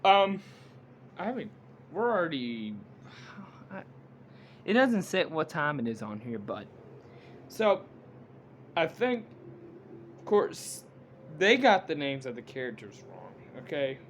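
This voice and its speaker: A man giving an unscripted movie review rant, halting and blunt, with frequent restarts. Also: on the high side, sing-song, a bit bright, slight background noise.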